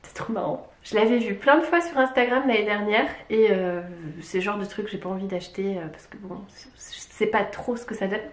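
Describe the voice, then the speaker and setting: A woman from Lyon chatting casually through an unboxing, excitable and gushing, with little squeals and exclamations. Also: mid-range voice, fairly quick, few pauses. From Lyon, France. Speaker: beauty vlogger. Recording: echoey room.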